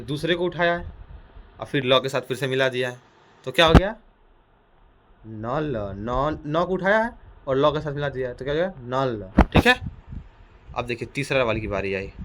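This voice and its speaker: A man gives a children's lesson in a small room, and his voice is loud and full of energy. He sounds out letters slowly and keeps throwing questions back at the class. His pitch sits in the middle range. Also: background noise. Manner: speaks loudly and energetically. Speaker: teacher.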